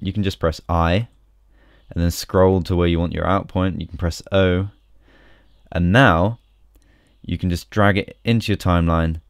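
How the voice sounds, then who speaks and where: Deep-voiced man giving a casual tutorial. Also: clean tone, dry recording, studio quality. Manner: relaxed, chatty, with frequent ums. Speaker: software tutorial host. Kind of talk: casual screen-recorded tutorial.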